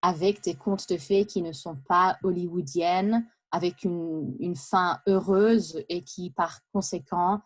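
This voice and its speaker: Woman giving a talk, lowish voice, chatty and lively with lots of little asides. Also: slow pace, hardly any pauses. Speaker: speaker giving a practice talk. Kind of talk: prepared speech for interpreting practice.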